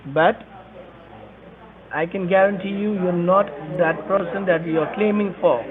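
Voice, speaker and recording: A man with a fairly high voice lectures and doubts the caller. The sound is thin and phone-like, with a busy crowd murmuring behind him. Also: steady tone, unhurried. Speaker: scam caller posing as an officer. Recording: tinny phone line with call-center crowd noise.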